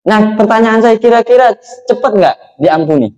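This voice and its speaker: A man's voice: high voice, lively intonation, moderate pace, darkish tone, highs cut off. A man preaching a sermon as a kyai, telling a story and often putting questions to the congregation.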